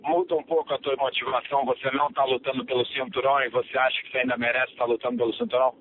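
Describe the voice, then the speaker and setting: Quick, flat-toned man interpreting by phone. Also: medium pitch. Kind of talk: consecutive interpreting on a press call. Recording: noisy, tinny phone line.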